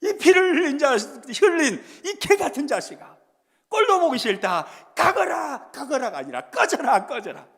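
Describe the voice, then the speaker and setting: A man voicing a jeering, cursing man who shouts abuse in a Jeolla Korean accent. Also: extremely high pitch, huge pitch swings, slow pace, gravelly, big-room sound, pitched above the performer's own voice, heavily acted. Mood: jeering, shouting. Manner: shouting insults.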